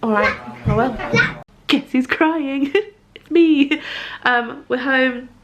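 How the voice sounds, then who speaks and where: A woman's voice: high voice, slow pace, highs cut off, a crowd in the background. Giggly pregnant woman vlogging. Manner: chatty, giggly, self-mocking. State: heavily pregnant, tired and out of breath. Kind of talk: casual vlog chat. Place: outdoors on a rainy walk and at home.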